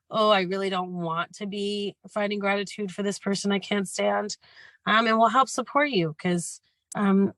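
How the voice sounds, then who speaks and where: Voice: mid-range voice, a bit bright, dry recording. A workshop leader and life coach who is losing their voice, talking through a gratitude lesson in a rambling, earnest, encouraging way. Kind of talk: casual spoken workshop lesson.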